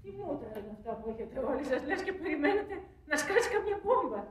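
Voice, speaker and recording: An actress playing a loud, bossy, doting old matriarch in a stage drama, calling out with emotion. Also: female voice, sits high, very animated. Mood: bustling. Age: older. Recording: echoey theatre stage, from far off.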